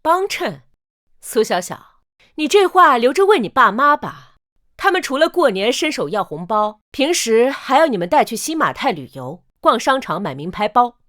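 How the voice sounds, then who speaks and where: A defiant older mother-in-law with a fairly high, lively voice. She speaks in a pointed, sardonic way, fed up with her family, in short-drama style. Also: normal speed. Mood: scornful. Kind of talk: melodramatic short-drama acting.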